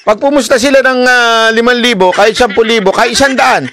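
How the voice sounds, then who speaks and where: A man's voice: very high voice, steady tone, fairly quick, sharp tone, a little hiss or hum. A man from the Philippines giving casual, chatty political commentary, laughing often and talking straight to his viewers.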